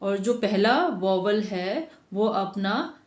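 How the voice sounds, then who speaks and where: A woman's voice: medium pitch, lively intonation. Patient woman teaching phonics, echoey room. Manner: patient, repeats and spells out letters slowly. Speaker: teacher and channel host. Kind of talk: phonics lesson explained step by step.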